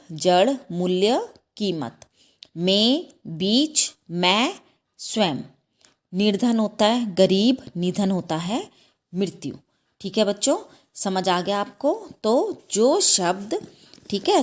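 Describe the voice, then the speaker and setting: Teaching young children, a woman explains things slowly and patiently, fixing her own slips along the way. Over and over she checks whether they follow with an upward-lilting "ठीक है?" ("okay?"), and she asks them questions throughout this school lesson.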